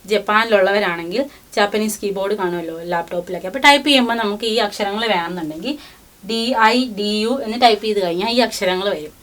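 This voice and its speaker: A woman giving a language lesson. She teaches patiently, reading each syllable out slowly and repeating it. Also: mid-range voice.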